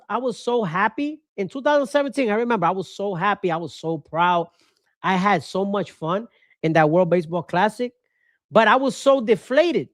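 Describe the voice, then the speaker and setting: Passionate sports host. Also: male voice, high-pitched, dry recording, clean studio sound. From Puerto Rico. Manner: passionate, switches into Spanish, repeats points for emphasis. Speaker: baseball podcast host. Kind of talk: opinionated solo commentary.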